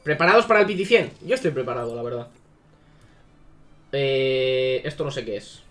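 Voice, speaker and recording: A man's voice: mid-range voice, normal speed, fairly bright tone, soft background music. A man giving casual, sarcastic commentary on a mobile game, swearing freely. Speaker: gaming YouTuber.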